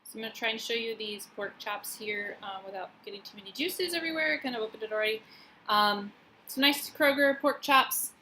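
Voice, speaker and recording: A young woman explains cooking facts in a loose, chatty way, with frequent ums as she goes. Her voice is bright and sits a little high. The sound bounces around a hard-walled home kitchen, picked up on a phone camera. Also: brisk, a little hiss or hum. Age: young adult. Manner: chatty, informal, many fillers. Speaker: nutrition student cooking at home. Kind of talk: casual cooking vlog with teaching. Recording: echoey kitchen.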